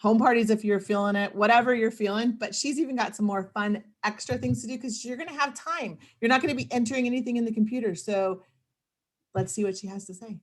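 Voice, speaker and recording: A woman's voice: on the high side, quick pace. Woman, team meeting host, upbeat, casual, video call. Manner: upbeat and casual, tags lines with "right?".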